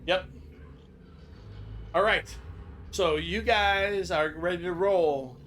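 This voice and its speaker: A somewhat high-pitched older man runs a tabletop game in easy, rambling chat. He keeps stopping to check the players follow him. A faint hiss of noise sits under his voice. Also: slow pace, fairly bright tone. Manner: loose and chatty, keeps checking in with "right?". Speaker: game master.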